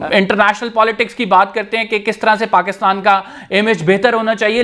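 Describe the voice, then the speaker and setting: A man's voice: high-pitched, fairly bright tone. A man with a Pakistani Urdu accent hosting a TV current-affairs interview, asking formal, long-winded questions. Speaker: TV talk show host.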